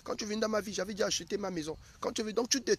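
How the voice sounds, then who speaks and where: Guy doing a shrill bossy wife, high falsetto, indignant and loud. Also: racing, breathy edge. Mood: defiant, scornful. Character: proud quarrelsome wife who scorns her husband.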